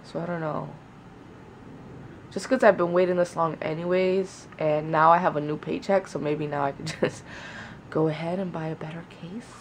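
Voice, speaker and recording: In a deep, steady voice at a moderate pace, a young woman talks to herself and curses as she works during a casual vlog. She's indoors in a small bedroom by a window, on a camera held near her, with a little hiss or hum.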